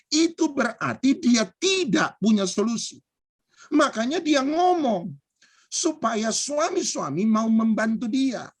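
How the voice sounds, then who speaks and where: A man's voice: very high-pitched, husky. A man preaching a humorous sermon as a pastor, joking and repeating phrases for emphasis.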